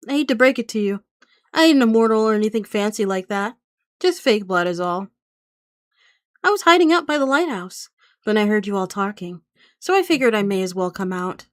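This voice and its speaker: A woman's voice: medium pitch, lively intonation, normal speed, long pauses, no room sound, clean studio sound, close to an everyday voice. A woman voicing a sly, tough young female assassin in a game, who talks in a casual, folksy way. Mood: defiant.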